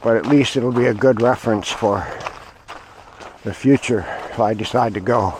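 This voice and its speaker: A clearly noisy outdoor recording carries a man's casual vlog narration. His voice sits at a middling pitch. He thinks aloud in short, broken phrases while out on a winter run. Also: moderate pace. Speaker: vlogger. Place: outdoors on a winter lake shoreline.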